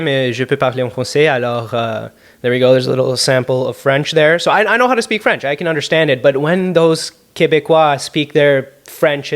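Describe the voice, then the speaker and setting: A young man with a Canadian accent talks casually into a podcast mic at home, his voice pitched in the middle range. He rambles from one thought to the next with jokes and sarcastic asides. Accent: Canadian English. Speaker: podcast host. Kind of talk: solo podcast Q&A, casual chat. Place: apartment room at home.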